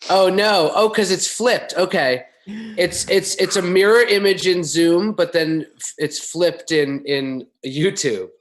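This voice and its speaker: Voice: mid-range voice, measured pace. A performer on a live comedy video call, patiently explaining the screen layout and giggling along. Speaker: improv comedy host. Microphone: remote video call mic.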